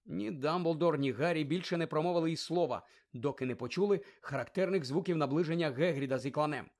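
A man narrating an audiobook with lively, expressive reading. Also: a little high, fast talker.

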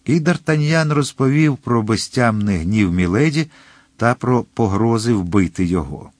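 A man reading a novel aloud as an audiobook narrator, in a measured storytelling manner. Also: mid-range voice, animated, darkish tone, no room sound. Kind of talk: scripted narration.

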